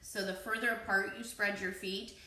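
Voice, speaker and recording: A young woman leading a children's yoga class, giving playful, encouraging step-by-step cues in a slow, easy rhythm. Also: mid-range voice, level tone, sharp tone, distant mic, a little hiss or hum. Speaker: kids yoga teacher. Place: room with children. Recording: echoey room, voice from afar.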